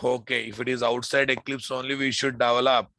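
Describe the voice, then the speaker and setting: Indian-accented man teaching, bright forceful voice. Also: mid-range voice, level tone, brisk, no echo, clean studio sound. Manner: repeats phrases, addresses listeners familiarly. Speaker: programming instructor. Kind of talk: informal live classroom lecture.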